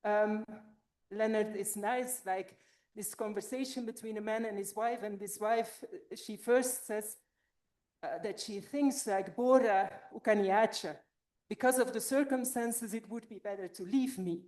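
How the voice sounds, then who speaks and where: A woman gives an academic conference talk in a mellow, darker-toned voice. She is a little out of breath and explains her points as she thinks them through, in a steady, measured way. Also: medium pitch. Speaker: conference presenter.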